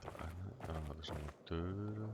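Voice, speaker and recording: Very deep, monotone man with loud noise. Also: slow. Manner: monotone, muttering to himself. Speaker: let's player. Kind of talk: casual gameplay commentary.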